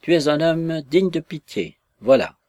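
A man's voice: on the high side, lively intonation, darkish tone, dry recording, pitched above the performer's own voice. A man voicing a blunt, simple old woman telling fortunes. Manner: blunt, slow.

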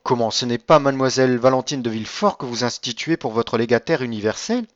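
A man's voice: medium pitch, quick pace, no echo, dull audio, lightly acted. A man reading as a formal questioning notary. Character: male notary, formal, careful, middle-aged.

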